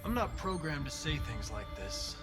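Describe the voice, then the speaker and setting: An actor playing a too-smooth male android detective who talks in a calm, even, controlled way, in a video game. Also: medium pitch, moderate pace, natural voice. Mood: quietly sincere. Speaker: android police investigator. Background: game soundtrack music.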